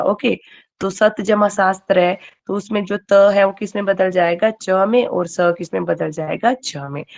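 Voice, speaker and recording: A woman with a somewhat low voice teaching a grammar lesson online. She puts question after question to her students and waits for their answers. She paces the class with steady checks of "okay" and "right".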